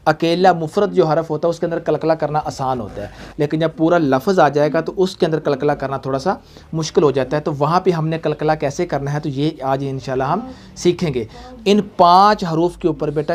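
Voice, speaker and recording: A man with a Pakistani Urdu accent teaching a Quran reading lesson, patiently spelling out sounds slowly and often checking that the student follows. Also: fairly high pitch, a little mellow. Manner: patient, repeats checks like "okay?", slow drawn-out spelling for the child to echo. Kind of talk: recorded online reading lesson.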